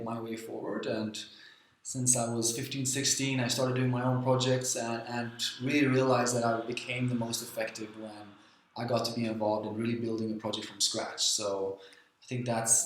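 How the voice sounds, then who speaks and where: A young Swedish-born man, a guest on a podcast, talking in a relaxed, friendly way with frequent ums. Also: mid-range voice, normal speed. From Sweden. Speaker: guest, founder of a talent accelerator. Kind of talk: casual interview talk. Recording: echoey room.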